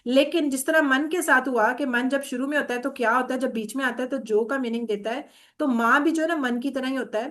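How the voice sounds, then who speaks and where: A woman's voice: high voice, fairly bright tone. A woman teaching an online Arabic grammar class. She explains patiently, often checks that students follow, and mixes English words into her explanations. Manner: patient, often checks understanding with "theek hai?".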